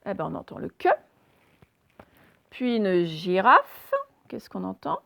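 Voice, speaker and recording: A woman teaching a phonics reading lesson, sounding out letters slowly and deliberately and putting questions to her young listeners. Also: mid-range voice, big pitch swings, creaky, bright, forceful tone.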